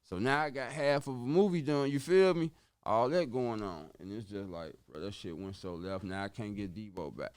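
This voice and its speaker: A man's voice: on the low side, moderate pace, smooth. A man guesting on a podcast, telling a long story in a casual, profane, slang-heavy way and acting out the voices of the people in it. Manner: animated, profane, slangy, acts out quoted voices.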